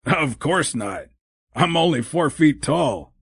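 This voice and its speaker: A man voicing a small, brisk, cheerful male elf in an audiobook, with a chirpy, bossy manner. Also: a little high, expressive, breathy edge, dry recording, studio quality, voice pushed up, full character voice. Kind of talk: audiobook character voice.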